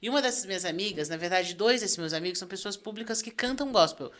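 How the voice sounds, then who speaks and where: Brief: brisk female host from Brazil, lively storyteller in casual interview chat. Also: medium pitch. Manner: animated, emotional storyteller. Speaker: podcast host.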